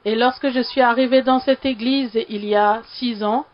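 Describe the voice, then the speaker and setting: A woman's voice: fairly high pitch, fairly even intonation, moderate pace, lo-fi sound. A woman from Sri Lanka giving a heartfelt testimony in a church hall, faltering a little at emotional moments.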